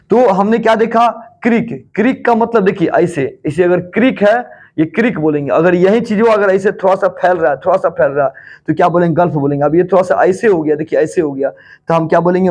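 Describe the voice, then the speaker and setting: A man with a Bihar Hindi accent teaches geography, repeating key terms and quizzing the class. His slightly mellow voice rises on questions and drops low on the answers.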